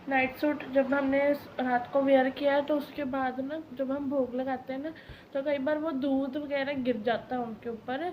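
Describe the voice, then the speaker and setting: With a voice that sits high, a young vlogger who has a cold and a sore throat talks casually at home, rambling and repeating things. She moves between indoors and a rainy terrace, and the lo-fi recording picks up rain noise behind her.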